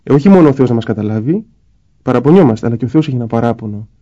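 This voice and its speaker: Man, priest, spiritual conversation, warm mellow tone, slightly high voice, explanatory, muffled recording. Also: animated. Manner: explanatory, acts out little dialogues. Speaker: Orthodox priest guest.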